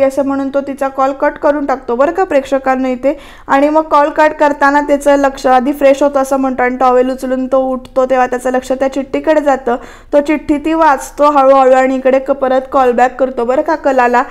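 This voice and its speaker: A woman's voice: high voice, little pitch movement, fairly quick. A woman doing a voice-over review, chattily retelling a TV serial episode and talking straight to her viewers. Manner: chatty, addresses viewers directly.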